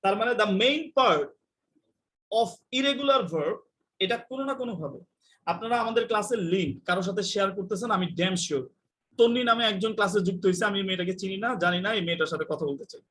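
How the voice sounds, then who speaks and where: A man's voice: high voice, very fast, fairly bright tone. A young man teaching English in a live online class, joking and scolding and mixing in English phrases.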